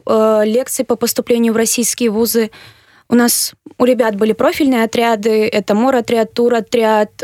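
An eighteen-year-old woman from Kyrgyzstan answering interview questions earnestly, pausing with fillers as she thinks. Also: fairly high pitch, darkish tone, dry recording, studio quality. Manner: earnest, measured, with hesitant fillers. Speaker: interviewee, university applicant.

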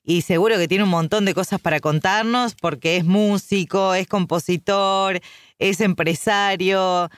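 A woman's voice: medium pitch, steady tone, measured pace, dry recording. A woman hosting an interview, welcoming her guest and asking friendly questions with light laughter. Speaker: host.

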